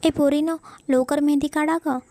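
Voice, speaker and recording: A woman's voice: sits high, fairly even intonation, moderate pace, dark tone, no room sound, close to an everyday voice. A woman voicing a caring middle-aged mother in a read-aloud story, speaking affectionately with a scolding edge. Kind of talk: storybook narration.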